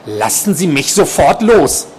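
A man's voice: medium pitch, normal speed, a little hiss or hum, close to an everyday voice. A man voicing a frightened but composed female nurse who speaks firmly, while reading from his novel. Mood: tense firm. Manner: firm, controlled.

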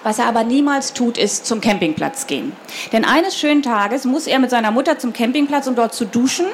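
A woman's voice: a little high, brisk, a little hiss or hum. Woman reading a children's book aloud. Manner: lively, addresses listeners directly.

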